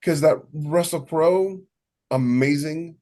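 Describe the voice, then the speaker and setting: A novelist co-hosting a writing podcast talks about the craft in a slightly high, slow voice with a dark tone. He's casual yet emphatic, and he often rephrases himself as he goes.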